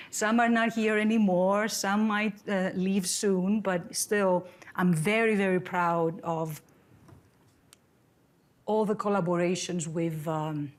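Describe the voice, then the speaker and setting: A middle-aged woman from Greece speaks at a lecture-room podium, presenting her research in a friendly, conversational manner. Her voice sits a little low for a woman, and she pauses with fillers and restarts her phrases as she goes. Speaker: seminar speaker, professor. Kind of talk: academic seminar talk.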